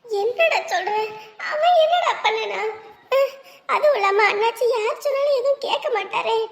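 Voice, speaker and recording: Worried scolding mom, super high voice. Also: female voice, animated, normal speed, creaky, heavily acted. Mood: anxious. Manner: anxious, scolding. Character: fretful middle-aged mother of a family. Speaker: mother.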